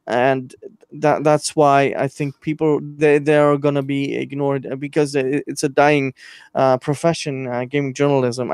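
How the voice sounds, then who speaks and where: A man hosting a casual online stream chat, talking in halting sentences full of fillers and restarts. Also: medium pitch, a little mellow, smooth, no echo. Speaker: podcast host.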